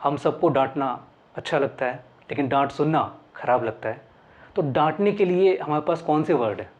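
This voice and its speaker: A man's voice: a little high, normal speed, a little mellow. A man teaching English words in Hindi with memory tricks, asking questions and answering them himself. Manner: explains step by step, asks and answers his own questions. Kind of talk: Hindi lesson explaining mnemonics. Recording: dull lo-fi sound.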